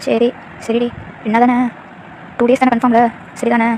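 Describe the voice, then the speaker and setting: A woman's voice: fairly high pitch, completely flat delivery, moderate pace, a little mellow, slight background noise, natural voice. A woman voicing a devoted, protective young husband who speaks earnestly. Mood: tender. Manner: earnest, firm in defense of his wife.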